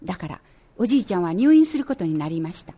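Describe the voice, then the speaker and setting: A woman radio announcer reading a prize-winning children's essay aloud in a slow, measured, gentle way. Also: lowish voice, big pitch swings, breathy edge.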